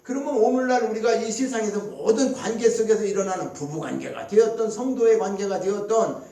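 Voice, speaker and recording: A man's voice: high voice, fairly quick, dark tone, roomy sound, recorded from a distance. A man preaching a sermon as pastor, talking conversationally and asking his listeners rhetorical questions. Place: church sanctuary.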